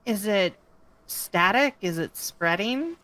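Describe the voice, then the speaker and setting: A woman playing a tabletop game, talking in a drawn-out, playful way. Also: medium pitch, expressive, sharp tone. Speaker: player. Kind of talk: casual tabletop game chat.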